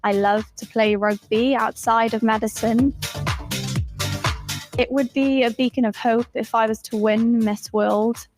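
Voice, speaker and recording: A woman's voice: fairly high pitch, fairly even intonation, unhurried, music in the background. A 22-year-old woman from Wales, on the path to medicine, introducing herself earnestly as a pageant contestant. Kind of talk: recorded self-introduction.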